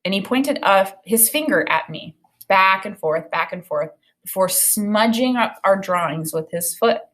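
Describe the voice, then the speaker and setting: An elementary teacher in her thirties reads a children's novel aloud, pausing for think-aloud commentary in an expressive manner. Her voice is medium-pitched and a little slow. She's in a small indoor room with a bookshelf and a whiteboard.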